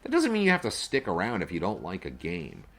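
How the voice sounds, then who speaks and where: A man's voice: deep voice, huge pitch swings, brisk, a bit bright. A man co-hosting a podcast in a casual, rambling chat, full of fillers and restarts. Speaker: podcast co-host and game master.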